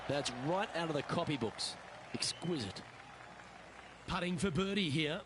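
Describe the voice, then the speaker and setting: Guy doing golf commentary, kinda high voice, measured short lines, noisy outdoor crowd in back. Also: animated. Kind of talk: live golf play-by-play commentary.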